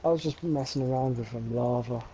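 A man's voice: medium pitch, a little fast, dark tone. A man playing a game with a friend, chatting in a jokey, offhand way and swearing freely. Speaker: co-player on a game stream. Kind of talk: casual gaming chat. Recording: dull lo-fi stream audio with hiss.

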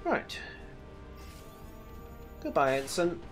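A man's voice: a little high, big pitch swings, drawn-out words, a bit bright, faint music behind. A man casually commenting on his gameplay with dry, wry asides. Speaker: let's play host.

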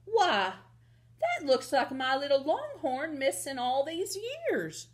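A woman voicing a tough, feisty ranch mother who talks in a loud, folksy way. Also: a little high, big pitch swings, takes it slowly.

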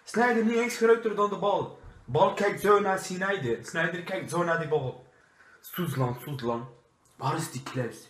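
A man's voice: sits high, moderate pace, a bit bright, pitched above the performer's own voice. A young man playing a bickering, football-mad Turkish-Dutch burglar in a comedy sketch, with emphatic, repetitive broken Dutch and a Turkish accent. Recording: roomy echo of a bare room.

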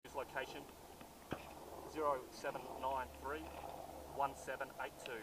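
A man's voice: medium pitch, level tone, unhurried. A man, a soldier and radio operator, giving military situation reports and grid references outdoors. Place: outdoors on an open hillside. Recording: distant, noisy outdoor field audio.

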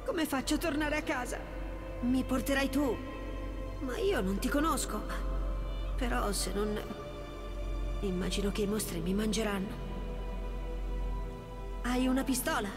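A small lost girl, voiced by a woman, speaks in a high, childlike voice, earnest and pleading but trying to sound brave. Her lines come from a video game, with loud music swelling behind. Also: unhurried, pauses often, natural voice. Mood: scared.

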